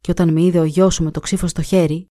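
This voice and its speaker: A woman's voice: on the low side, little pitch movement, mellow, no echo, clean studio sound, natural voice. A woman reading a folk tale aloud and voicing a bold, stubborn young man who gives curt, insistent commands. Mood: earnest. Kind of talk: storybook reading.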